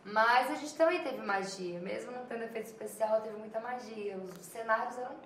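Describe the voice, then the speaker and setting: A young adult actress with a Minas Gerais accent, chatting in an interview, reflective and trailing off with little tags. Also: female voice, a little high, fairly quick, a bit bright. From Minas Gerais, Brazil. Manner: reflective, trailing off with "sabe?" and "assim". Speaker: actress guest. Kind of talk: casual interview chat. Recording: roomy, distant mic, faint noise.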